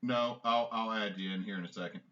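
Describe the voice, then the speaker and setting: A man narrating as game master of a tabletop game, in a relaxed way with fillers. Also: on the low side, brisk. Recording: dull lo-fi mic.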